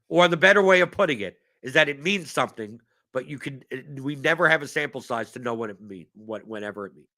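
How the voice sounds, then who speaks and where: Hosting a stream about fantasy sports strategy, a man with a medium-pitched, bright, forceful voice chats loosely and replies to chat questions. He keeps repeating words as he restarts sentences, and a cough is wearing his voice down.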